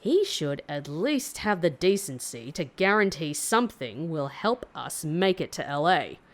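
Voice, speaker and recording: In an audio drama, an actress with a deep, sing-song voice plays a defiant, sharp-tongued hitchhiker. She speaks unhurriedly, staying confrontational and sarcastic.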